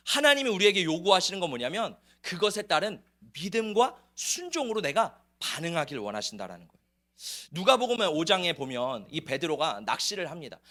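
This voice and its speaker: A man's voice: high-pitched, bright, forceful tone. A man preaching a sermon to his church, asking the congregation rhetorical questions. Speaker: pastor. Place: church sanctuary.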